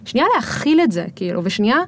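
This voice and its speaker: Fast reflective woman on a podcast. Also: mid-range voice, sing-song. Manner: reflective, talks fast with many fillers. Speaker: podcast guest. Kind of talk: casual podcast conversation.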